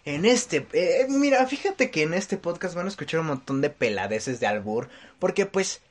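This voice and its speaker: A man's voice: fairly high pitch, very animated, moderate pace. A man with a Mexican accent co-hosting a casual comedy podcast, joking and full of wordplay. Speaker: podcast co-host.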